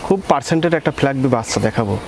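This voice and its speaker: A man's voice: medium pitch, animated, rapid-fire. A middle-aged man from Bangladesh, a dairy farmer, talking eagerly and repeating himself as he shows his calves outdoors on a lapel mic. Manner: eager, repetitive, stumbles over words. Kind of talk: casual sales talk. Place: outdoors at a farm. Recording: outdoor noise behind.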